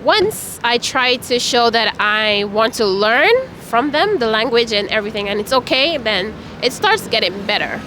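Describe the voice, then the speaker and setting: Out on a city street, traffic and street noise surround a young Vincentian woman as she answers interview questions. She's friendly yet hesitant, with many fillers, speaking at a normal pace with few pauses in a slightly high, lively voice.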